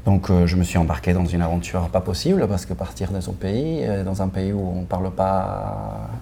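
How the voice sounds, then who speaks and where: A man's voice: low voice, steady tone, moderate pace, gravelly, warm tone, slight background noise. A man in his forties from Argentina with an Argentine Spanish accent, a native Spanish speaker, answering interview questions in a hesitant way, restarting often and laughing. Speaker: film director.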